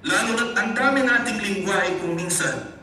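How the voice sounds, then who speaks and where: A pastor from the Philippines preaches a sermon in a high, piercingly bright voice, blending Tagalog and English and turning again and again to his brothers and sisters. His voice comes from well off the mic and rings around a very echoey room. A faint hiss sits under the recording. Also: normal speed, recorded from a distance. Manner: preaching with repeated addresses to the congregation; mixes Tagalog and English in teaching.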